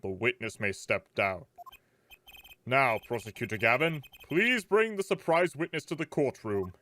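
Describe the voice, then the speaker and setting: A man voicing a dignified, slightly bewildered old judge from a video game, in a formal, deliberate way. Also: medium pitch, lively intonation, bright, forceful tone, pitched below the performer's own voice. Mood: solemn, musing. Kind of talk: reading video game dialogue aloud.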